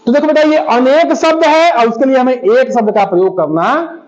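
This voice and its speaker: A man's voice: very high voice, moderate pace, darkish tone, dull audio. A male school teacher giving a Hindi lesson in a classroom, patiently asking the class questions and repeating their answers.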